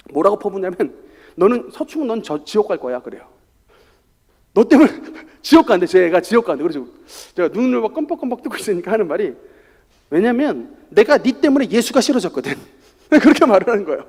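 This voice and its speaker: A middle-aged man preaching a sermon as pastor, telling a personal story in a lively way and acting out the voices of the people he quotes. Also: high voice. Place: church sanctuary. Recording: church hall reverb.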